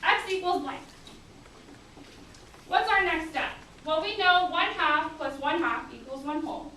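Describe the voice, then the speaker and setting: High bright woman teaching a class, very echoey. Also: unhurried. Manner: firm, directive, checking for responses. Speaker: geometry teacher. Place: indoor classroom. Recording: echoey classroom, distant mic, faint noise.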